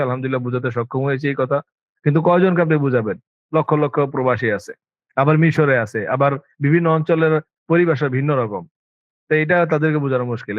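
A man with a Bangladeshi Bengali accent lectures students in an emphatic, insistent way and keeps asking them rhetorical questions. His voice sits fairly high for a man. The sound is dry and dull, like a lo-fi recording. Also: no room sound. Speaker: Arabic language teacher.

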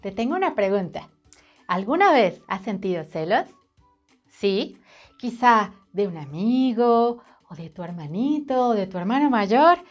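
A woman reading a storybook to children in an animated, sing-song way, speaking straight to the child. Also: mid-range voice, unhurried, muffled recording, soft background music.

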